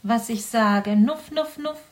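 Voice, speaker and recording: A woman's voice: a little high, takes it slowly. A woman voicing a fussy, motherly hedgehog mother who snuffles between her words, in a children's audio story. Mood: fussed.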